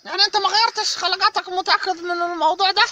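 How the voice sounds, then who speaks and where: A man playing a very high-pitched Egyptian stoner. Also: fairly even intonation, rapid-fire, pushed and bright, heavily acted. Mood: stoned, baffled. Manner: stoner talk, befuddled and repetitive. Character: muddled, stoned male hashish smoker, insistent and baffled. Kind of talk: comic sketch acting. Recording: faint noise with insect ambience.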